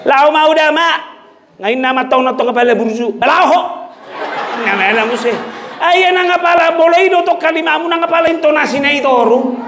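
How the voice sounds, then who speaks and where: A male pastor preaching a sermon, animated and switching between shouted exhortation and joking asides. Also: extremely high pitch, normal speed.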